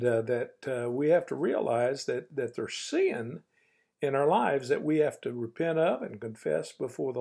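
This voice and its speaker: Husky older man preaching folksy devotions. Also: medium pitch, mellow. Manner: folksy, coach-like exhortation, rising to stern emphasis. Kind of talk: morning devotional talk.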